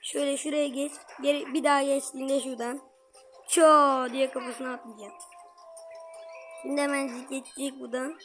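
Woman, high voice, excitable game commentary, talks to viewers, mutters at the screen. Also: moderate pace, faint music behind. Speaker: gameplay commentator. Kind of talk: let's-play commentary.

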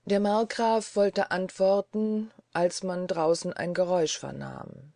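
A woman reads a classic novel aloud in a measured, even style. Her voice is warm and dark, with a gravelly, creaky texture. The recording is dry and close. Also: on the low side, no room sound. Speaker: audiobook narrator. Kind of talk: scripted narration.

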